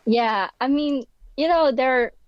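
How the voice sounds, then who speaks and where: This university student, born in the Philippines and brought up in the Netherlands, speaks casually as a podcast guest indoors, often hunting for words and filling gaps with fillers. Her voice is high-pitched and unhurried, and the recording is dry and dull.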